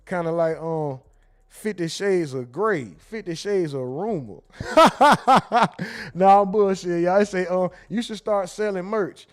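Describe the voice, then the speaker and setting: A man hosting a casual livestream, reading viewer comments aloud and reacting with quick asides and laughter. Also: high voice, lively intonation. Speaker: livestream host reading super chats.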